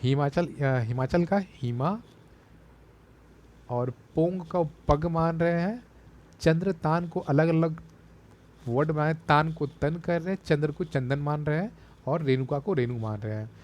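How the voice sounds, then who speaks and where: A man's voice: fairly high pitch, measured pace, a little mellow. A man with a Bihari Hindi accent, teaching exam memory tricks and repeating key words as he explains. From Bihar, India.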